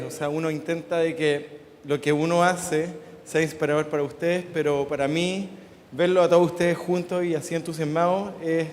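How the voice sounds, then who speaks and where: Conference speaker: Chilean man, middle-aged, slightly high voice, conversational, long hall echo. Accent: Chilean Spanish. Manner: relaxed and conversational, with frequent "eh" fillers. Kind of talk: conference talk. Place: large conference hall with an audience.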